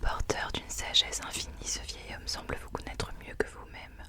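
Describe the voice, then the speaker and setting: Someone speaking in a hushed, unvoiced library whisper, sharing and reading books in an informal ASMR style. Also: moderate pace. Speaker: ASMR host. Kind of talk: whispered ASMR book recommendations and reading aloud.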